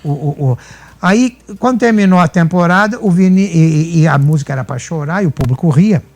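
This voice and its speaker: A man's voice: a little high, brisk. Older caipira-accented man telling stories. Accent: São Paulo countryside (caipira). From Brazil. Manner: lively storyteller acting out dialogue. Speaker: guest humorist. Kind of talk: anecdotal storytelling.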